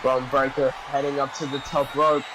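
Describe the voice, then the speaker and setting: A man works as a wrestling commentator, with a mid-pitched voice. He calls moves in a dramatic, excitable play-by-play style, often posing questions. The recording is noisy, with clear ambient sound behind him. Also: normal speed.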